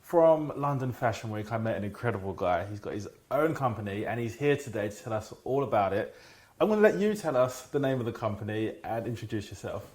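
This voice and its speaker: A man's voice: fairly low pitch, animated, a little fast, darkish tone. A man hosting a video blog, interviewing a guest with eager questions and prompts. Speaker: interviewer, vlog host. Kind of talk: casual interview.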